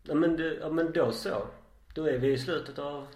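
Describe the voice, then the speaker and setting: A man's voice: fairly high pitch, a little mellow. Brief: male podcast host, laid-back questions, roomy sound. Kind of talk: casual interview chat. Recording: roomy echo.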